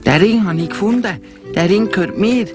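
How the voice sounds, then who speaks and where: A man's voice: sits high, fairly quick, voice pushed up, close to an everyday voice. A man voicing a cheeky, bossy young female snow hare in a cartoon, with a raised calling voice. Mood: excited. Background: cartoon music.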